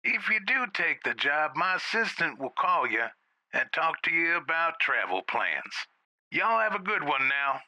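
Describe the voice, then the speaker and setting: A man's voice: fairly high pitch, very animated, measured pace, bright, forceful tone, no room sound, heavily acted. A man voicing a friendly male company director from the South, who leaves a drawling job offer as a voicemail heard over a landline phone. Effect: voicemail message heard over a landline phone.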